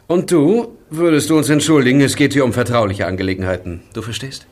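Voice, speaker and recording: A man playing a formal, condescending family lawyer in an audio drama, measured and pompous. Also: medium pitch, expressive, a little mellow, lightly acted. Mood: formal, patronising.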